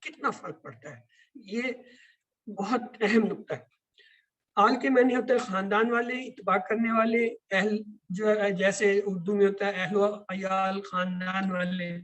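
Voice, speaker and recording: A man's voice: high-pitched, fairly even intonation, a bit bright, poor audio. A man teaching an online Quran class, explaining words and asking the class questions. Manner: explains and asks questions, repeats key words.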